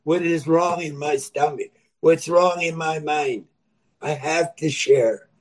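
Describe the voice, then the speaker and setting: A man's voice: a little high, slow pace. A man in his eighties sharing his recovery story, speaking plainly and earnestly, repeating himself for emphasis. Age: 80s. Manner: plain-spoken, swings between loud and soft. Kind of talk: personal testimony.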